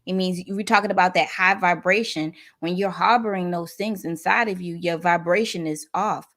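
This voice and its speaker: A woman's voice: fairly low pitch, moderate pace, a bit bright. A woman in her thirties, a guest on a talk show, speaking earnestly and with animation, addressing the audience directly. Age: 30s. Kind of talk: casual talk on wellness.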